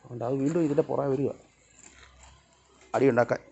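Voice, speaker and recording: A man chats casually on a pet vlog, coaxing and scolding his animals outdoors at home. His voice sits at a middle pitch. The recording is dull and lo-fi, with a faint hiss underneath. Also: fairly quick, creaky, dark tone. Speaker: vlogger. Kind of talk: casual chat to pets and camera. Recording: dull lo-fi sound with faint noise.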